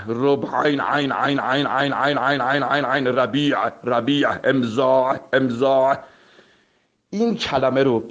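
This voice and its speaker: A man's voice: medium pitch, darkish tone. A man giving a spoken vocal lesson, addressing listeners politely and demonstrating sounds by repeating them. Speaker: voice coach. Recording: dull lo-fi recording.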